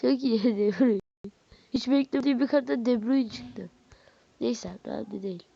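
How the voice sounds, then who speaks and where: A young woman with a stuffy nose, giving casual, excitable commentary as she opens card packs in a game, swinging from muttering to squealing. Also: on the high side, moderate pace, vocal fry, dry recording, highs cut off. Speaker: gaming YouTuber. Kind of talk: casual pack-opening commentary.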